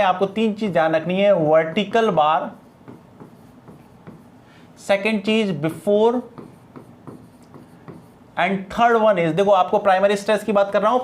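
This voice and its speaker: A male teacher giving a classroom lecture on English phonetics. He mixes English terms into his explanation, repeats key terms and answers his own questions. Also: high-pitched.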